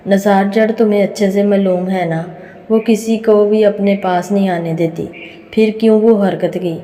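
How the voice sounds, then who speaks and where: A woman's voice: medium pitch, steady tone, moderate pace, warm tone, close to an everyday voice. A woman reading as a stern courtesan madam. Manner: firm, restrained. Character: proud, sharp-tongued courtesan madam. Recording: reverberant room.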